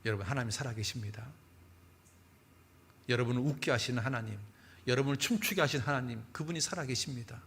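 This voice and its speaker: A male pastor telling stories in a sermon, with animated delivery and dramatic pauses. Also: medium pitch, a little hiss or hum. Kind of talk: sermon storytelling.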